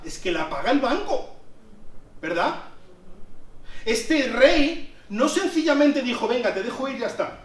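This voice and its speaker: High-voiced Spanish preacher, echoey. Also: male voice. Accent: Spanish from Spain. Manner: conversational preaching, rising to emphatic peaks. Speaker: pastor. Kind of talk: sermon. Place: church hall. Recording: echoey church sound from a distance.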